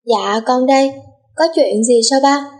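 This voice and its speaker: A woman's voice: high voice, measured pace, a little mellow. A woman voicing a cheerful, spoiled young rich girl in an audiobook, bubbly and cutesy. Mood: worried. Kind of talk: audiobook character voice.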